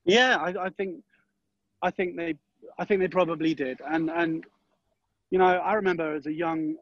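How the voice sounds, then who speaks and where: Man, interview guest, thoughtful, husky, dull lo-fi sound. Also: a little high, fairly even intonation, normal speed, no room sound. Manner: thoughtful, restarts often, weighs both sides. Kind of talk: interview conversation.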